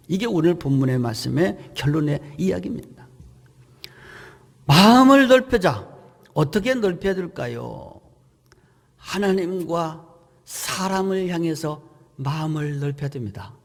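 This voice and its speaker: High-pitched, gravelly Korean pastor preaching. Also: male voice, long reverb tail. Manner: emphatic preaching with rhetorical questions. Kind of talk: sermon. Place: church sanctuary.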